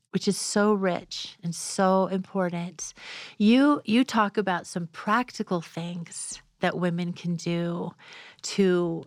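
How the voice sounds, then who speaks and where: A woman hosts a podcast interview in an unhurried, gentle, affirming way. Her pacing is very slow. The recording is dry and close, with no room sound. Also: lowish voice, no echo. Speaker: podcast host. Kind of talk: conversational interview.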